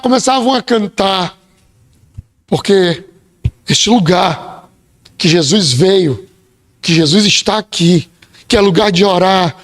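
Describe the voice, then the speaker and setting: A Brazilian man preaching a sermon as pastor in a church, with an emphatic, dramatic delivery full of repeated phrases. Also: high voice. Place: church sanctuary. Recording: long church-hall reverb.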